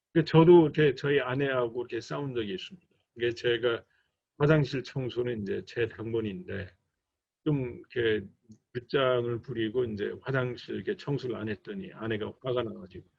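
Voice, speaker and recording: Male church instructor and couples counselor, measured lecturing delivery, acts out quotes, muffled lo-fi sound. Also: mid-range voice, gravelly, darkish tone, husky. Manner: slow and deliberate, acts out quoted arguments. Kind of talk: recorded lecture for a training course. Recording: dull lo-fi recording.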